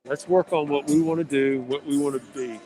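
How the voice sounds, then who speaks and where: A man's voice: on the high side, fairly even intonation, a little fast, over music. An American man doing conversational local basketball commentary, his voice slightly muffled through a face mask, with folksy, coach-like asides. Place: indoor school basketball gym. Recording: noisy gym, bouncing balls behind. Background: gym noise, ball bounces.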